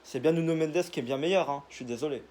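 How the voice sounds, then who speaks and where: A man's voice: a little high, fast, darkish tone. A young man, casually giving his football predictions in a rambling, joking monologue full of fillers. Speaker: football video creator.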